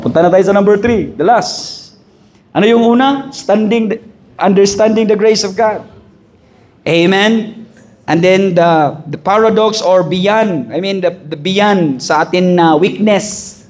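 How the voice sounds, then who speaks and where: A man pastor preaching a conference sermon in a church, jokey and animated, mixing in English phrases and asking "amen?" often. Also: high voice, a little hiss or hum. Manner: mixes Tagalog with English phrases.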